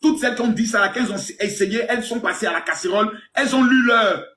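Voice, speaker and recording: A man in his forties hosting a live stream, crude and teasing, with mock indignation that swings between loud outbursts and low mutters. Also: fast talker, reverberant, a little hiss or hum. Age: 40s. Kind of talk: provocative live stream banter.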